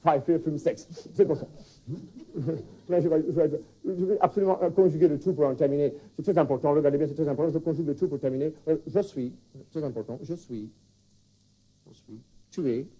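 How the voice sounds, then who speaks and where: This rambling comic character, a flustered foreign language teacher, stumbles through wordplay and restarts in a fake accent, from a 1979 television stand-up sketch. The man's fairly high, mellow, husky voice comes at normal speed through dull audio.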